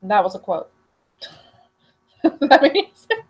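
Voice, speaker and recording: A woman's voice: medium pitch, very animated, takes it slowly, slightly rough. A young woman co-hosting a podcast, chatting casually, laughing and often restarting her sentences. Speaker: podcast co-host. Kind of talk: casual chat. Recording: slightly dull lo-fi audio.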